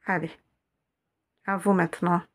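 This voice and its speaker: A woman's voice: on the low side, little pitch movement, a little slow. A woman teaching a reading lesson, patiently spelling out letters and repeating each word several times. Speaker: Arabic teacher.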